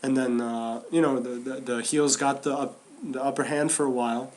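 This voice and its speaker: A man's voice: mid-range voice, normal speed. Chatty man breaking down wrestling. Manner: animated, restarts and repeats phrases. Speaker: podcast co-host. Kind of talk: casual wrestling chat.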